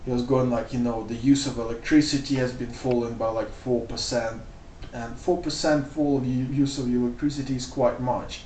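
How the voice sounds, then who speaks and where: A man's voice: mid-range voice, steady tone, moderate pace, hardly any pauses, a little mellow, a little hiss or hum. A man talking through his views in a loose, rambling way, full of "like" and "you know". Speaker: vlogger. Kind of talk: casual spoken commentary. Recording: roomy sound, mic off at a distance.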